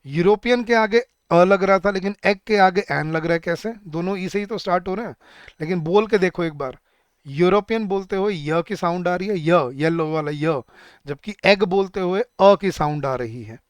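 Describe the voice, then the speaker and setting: A man teaching an online exam-prep lecture, sounding words out slowly and putting questions to his class. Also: high voice, clear, resonant tone, dry recording. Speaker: English teacher.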